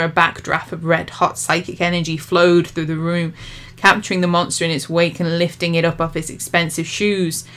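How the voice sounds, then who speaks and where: Woman reading her own book aloud, lowish voice, measured storytelling. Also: a bit bright, clear, resonant tone. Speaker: author reading her novel. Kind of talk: audiobook narration.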